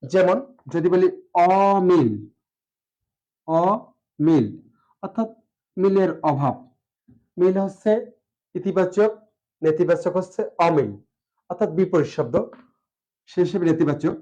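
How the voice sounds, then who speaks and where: A man with a Bangladeshi Bengali accent lectures on pronunciation in a slightly raised but mellow voice. He speaks slowly and deliberately, stretching out each example word and filling his pauses with "ah". The recording is dull and lo-fi. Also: high voice. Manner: slow and deliberate, drawing out example words, frequent "ah" fillers. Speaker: teacher.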